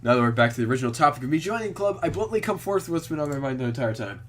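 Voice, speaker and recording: A man's voice: fairly high pitch, expressive, rapid-fire, fairly bright tone. A man voicing an earnest, determined, melodramatic young anime protagonist in a visual novel game. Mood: firm, blunt.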